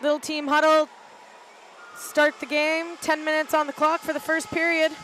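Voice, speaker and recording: A middle-aged woman giving casual, halting live play-by-play commentary from an arena balcony, with lots of "uh" fillers. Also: sits high, little pitch movement, fairly bright tone, a little hiss or hum, low-quality recording. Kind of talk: live amateur sports commentary. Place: arena balcony above the rink.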